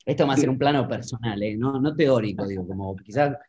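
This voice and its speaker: A man's voice: medium pitch, brisk, mellow, husky. A man with a Rioplatense Spanish accent on a video call, asking questions hesitantly. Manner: hesitant, searching for words. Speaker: interviewer. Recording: distant, muffled call audio.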